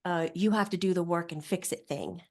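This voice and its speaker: A woman, a psychic medium guest, talking casually on a podcast and acting out quoted voices with lively swings. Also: on the low side, brisk. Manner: animated, acts out quoted voices.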